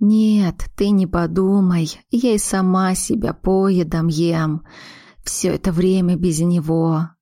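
A woman's voice: fairly low pitch, a little mellow, no room sound, clean studio sound. A woman reading as a remorseful aging mother queen. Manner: slow, heavy, measured speech. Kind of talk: audiobook character reading.

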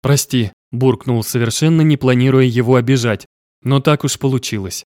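A man reading a first-person novel aloud as narrator, slow and measured, close to the mic. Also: mid-range voice, a little mellow, no echo. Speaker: audiobook narrator.

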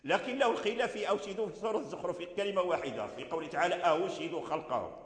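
A man's voice: high voice, animated, racing. A man, teaching Quran recitation and explaining verse by verse while repeating example words. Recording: echoey hall.

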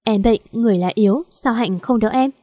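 A woman voicing a worried, gentle elderly mother with a pleading manner. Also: on the high side, a little fast, no room sound, studio quality, lightly acted. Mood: anxious. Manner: pleading, anxious.

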